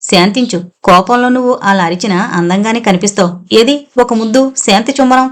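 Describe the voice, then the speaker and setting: A woman's voice: on the high side, moderate pace, natural voice. Woman reading as a scheming lecherous swami. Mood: leering. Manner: preachy, menacing. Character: scheming lecherous male swami, self-righteous.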